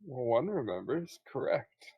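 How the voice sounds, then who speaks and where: A man's voice: mid-range voice, very animated, measured pace, creaky, slightly rough, phone-quality sound, full character voice. A man voicing a large, curt, dismissive orc with a dry, condescending manner in a tabletop game. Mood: dry disdain. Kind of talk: in-character tabletop role-play.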